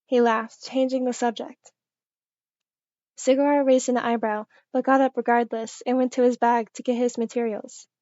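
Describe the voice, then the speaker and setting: A woman's voice: on the high side, flat delivery, moderate pace, mellow, no room sound. A woman reading a scripted story aloud as narrator. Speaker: fan fiction reader. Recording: slightly dull lo-fi audio under music.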